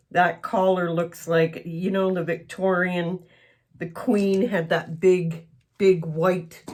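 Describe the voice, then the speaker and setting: A middle-aged woman from Canada talks at an unhurried, slow pace while she crafts. Her voice sits a little low. She rambles candidly, with a slightly emotional edge. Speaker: craft vlogger. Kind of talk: casual chat while crafting.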